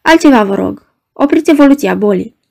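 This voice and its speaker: Brief: woman voicing a scared, begging barman, trembling plea, higher voice. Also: lively intonation, vocal fry, darkish tone. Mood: pleading. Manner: imploring, trembling. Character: frightened middle-aged male barman, pleading.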